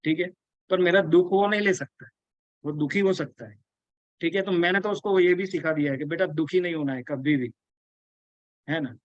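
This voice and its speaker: A man's voice: fairly high pitch, normal speed, pauses often, no room sound. A man giving an earnest spiritual lecture, repeating himself and checking that his listeners follow. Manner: repetitive, keeps checking in with listeners; earnest, insistent. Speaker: spiritual teacher. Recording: dull, lo-fi, dry sound.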